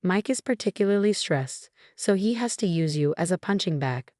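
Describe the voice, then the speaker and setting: A woman's voice: on the low side, lively intonation, moderate pace, darkish tone, no echo, clean studio sound, lightly acted. A woman reading the lines of a cruel, dismissive husband who scolds his wife.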